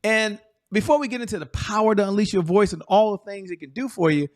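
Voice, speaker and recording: A man's voice: high-pitched, fast. A man hosting an entrepreneur interview show, enthusiastic and emphatic, repeating words for effect. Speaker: show host. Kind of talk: energetic interview talk.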